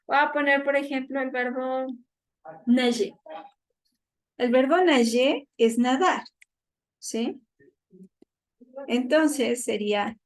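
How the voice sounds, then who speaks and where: A young woman teaches at a slow, deliberate pace. Her voice sits a little high. She explains patiently and often checks whether her students follow. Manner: patient, repeats each point with check-ins. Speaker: French teacher. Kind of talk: online class lesson.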